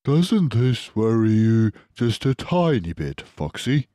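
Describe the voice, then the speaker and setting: A man voicing a gentle, anxious, respectable badger, speaking in a hesitant, bumbling way for a children's storybook. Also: lowish voice, sing-song, slow pace, no echo, studio quality, pitched above the performer's own voice. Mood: worried, hesitant.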